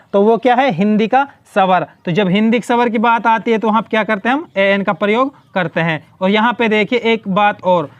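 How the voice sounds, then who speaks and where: A man with a high voice teaches a grammar lesson. He keeps asking his class a question and then answers it himself, repeating each key word. The sound is dry and close, with no room around it. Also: smooth, no room sound. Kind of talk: explaining English grammar in Hindi.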